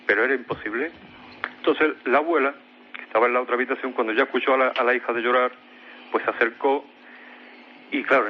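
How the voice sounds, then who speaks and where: A man's voice: mid-range voice, highs cut off, slight background noise. A man with a Spain Spanish accent, a radio guest telling of a strange experience he lived through, hesitating often and repeating his words. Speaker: guest recounting a paranormal experience. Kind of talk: personal storytelling on a radio mystery show.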